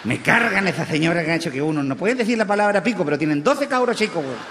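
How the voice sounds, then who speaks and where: A man playing a crude, rowdy rural Chilean huaso in a stand-up character monologue, speaking with a Chilean accent, full of coarse slang and shouted punchlines. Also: fairly high pitch, lively intonation, fast, slight background noise. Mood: boastful. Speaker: comedian in character. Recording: live stage with long reverb.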